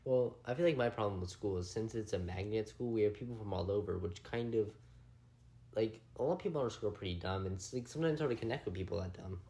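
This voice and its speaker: Casual low-voiced teen boy host. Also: fast, mellow. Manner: rambling, laughs often. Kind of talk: casual chat.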